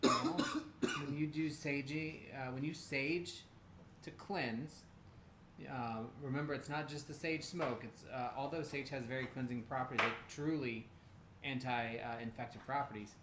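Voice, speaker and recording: A man's voice: medium pitch, a little slow. American man chatting in an echoey room. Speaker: co-host. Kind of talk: casual livestream chat. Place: indoor room. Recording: roomy echo, faint background noise.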